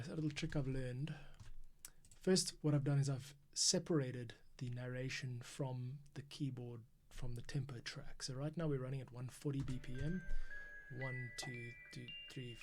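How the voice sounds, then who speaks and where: A man's voice: medium pitch, a little hiss or hum. A man composing for an audio drama, casually thinking aloud and explaining his steps during a livestream from a home studio. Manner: relaxed, thinking aloud, self-correcting.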